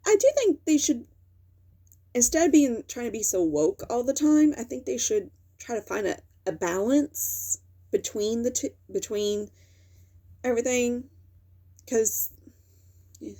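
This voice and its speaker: A woman's voice: fairly high pitch, lively intonation, a little slow, pauses often, mellow. A young woman hosting a casual commentary video, rambling and correcting herself with lots of fillers as she talks. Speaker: video host. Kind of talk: casual talking-head commentary.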